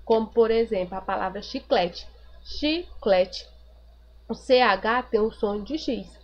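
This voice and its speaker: A woman's voice: medium pitch, moderate pace. A woman teacher giving a recorded grammar review lesson, patiently repeating each point and asking the class rhetorical questions. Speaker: primary school teacher. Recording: dull lo-fi recording with faint noise.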